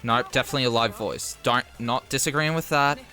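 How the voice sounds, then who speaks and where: A man's voice: medium pitch, brisk, bright, forceful tone, soft background music. A man streaming a game, thinking aloud casually through clues.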